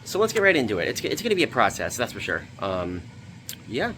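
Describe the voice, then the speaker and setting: A man's voice: medium pitch, wildly swooping pitch, fairly quick, pushed and bright, slight background noise. A man hosting a casual craft tutorial vlog, talking in a rambling, informal way with loose asides, recorded in a basement. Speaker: video host. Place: basement room indoors.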